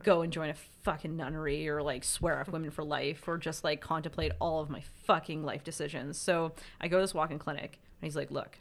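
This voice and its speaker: A woman's voice: sits low, brisk, hardly any pauses. A young woman co-hosting a podcast, telling a personal story in casual, profane chat and acting out the people in it. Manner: animated, profane, acts out voices in her stories. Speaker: podcast co-host.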